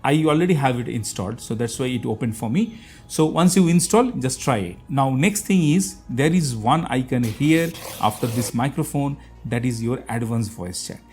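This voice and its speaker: A man's voice: mid-range voice, animated, normal speed, a little mellow, soft background music. A man with an Indian accent, from India, hosting a step-by-step tech tutorial and chatting with a voice assistant, explaining with plenty of fillers.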